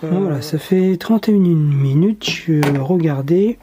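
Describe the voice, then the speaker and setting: A DIY tutorial host explaining a workshop task step by step in a relaxed, casual way, pausing often with fillers. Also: medium pitch, crowd noise. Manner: relaxed, hesitant, many filler pauses.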